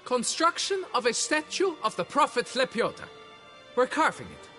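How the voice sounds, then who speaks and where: A man voices a blustering quarry foreman in a game fan dub. The voice sits very high and bright, and it leaps around as he pleads and bargains in old-fashioned oaths. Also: huge pitch swings, moderate pace, faint music behind, exaggerated voice. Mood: pleading. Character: fussy, blustering male quarry foreman, middle-aged.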